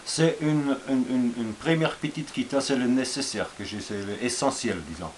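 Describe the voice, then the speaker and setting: In a casual survival gear show-and-tell vlog, a man from Austria speaks French with an Austrian German accent, hesitating often and using many fillers and restarts. His mid-range voice moves at a moderate pace over slight background noise.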